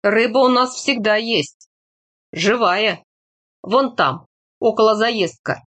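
A woman's voice: on the high side, takes it slowly, a bit bright. A woman voicing an earnest, plainspoken young village man in a read-aloud story, without much change to her own voice.

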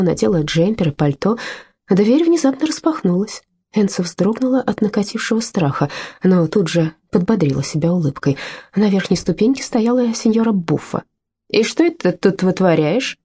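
A woman narrating an audiobook in a measured storytelling manner. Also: mid-range voice, expressive, dark tone, breathy edge. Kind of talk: scripted narration.

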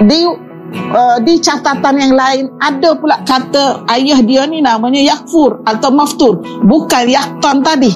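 High-voiced woman lecturing on sources. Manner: explanatory, quotes Arabic then glosses it, asks rhetorical questions. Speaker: presenter at an academic review. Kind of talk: lecture reading and explaining Arabic sources.

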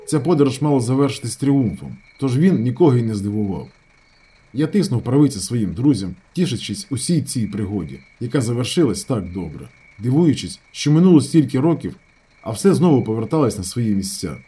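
A man reading a novel aloud as an audiobook narrator, with expressive, dramatic storytelling. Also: mid-range voice, brisk, slightly rough.

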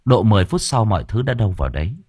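A man narrating a horror story audiobook in an expressive, dramatic way. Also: on the low side, very fast, husky, no room sound, clean studio sound.

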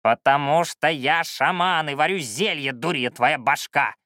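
A man voicing a scrawny, cantankerous old male shaman who yells and scolds in a creaky voice, in an audiobook. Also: a little high, a little slow, no room sound, clean studio sound. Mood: scolding. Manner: yelling, scolding. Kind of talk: audiobook character voice.

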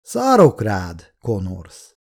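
A male audiobook reader voicing a gruff, blunt foreman who swears and wants to get drunk. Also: fairly low pitch, huge pitch swings, heavily acted. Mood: rowdy. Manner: blunt, rowdy. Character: gruff hard-drinking male foreman boss.

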